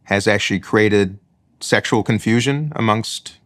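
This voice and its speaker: A man, a guest in an interview, asking careful, halting questions to clarify what was said. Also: fairly low pitch, a bit bright, dry recording, studio quality. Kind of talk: interview conversation.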